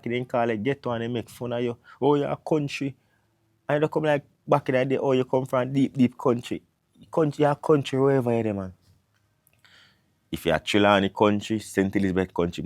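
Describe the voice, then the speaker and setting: A Jamaican vlogger in his thirties talks casually to camera in a casual monologue, with a Jamaican accent and patois mixed into his English. His voice is medium-pitched and darkish, recorded with clean studio sound and no room sound.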